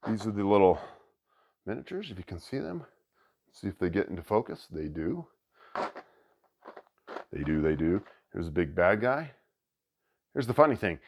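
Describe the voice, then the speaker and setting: Chatty man with a lively voice. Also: low voice, moderate pace, pauses often, slight background noise. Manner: chatty and excited, thinking aloud. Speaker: board game reviewer and channel host. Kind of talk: casual unboxing commentary.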